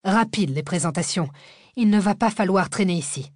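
A tense male fugitive in an audiobook thriller barks clipped, urgent commands, pressing everyone to hurry, as a woman narrator acts him out. The voice sits low and is recorded dry and close, with no room sound. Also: animated, moderate pace, a little mellow, no echo.

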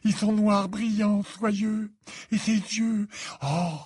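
A man voicing a lovestruck, excitable teenage boy wizard in a storybook reading, breathless and gushing. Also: takes it slowly, breathy edge, full character voice. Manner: breathless, gushing, high-strung.

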